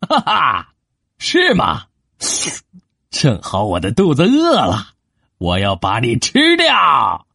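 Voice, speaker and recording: A woman voicing a menacing, hungry male bridge troll in a storybook reading, with a gravelly, husky voice. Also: wildly swooping pitch, measured pace, a bit bright, dry recording, clean studio sound, exaggerated voice. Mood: gloating. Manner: booming, gloating, swooping pitch.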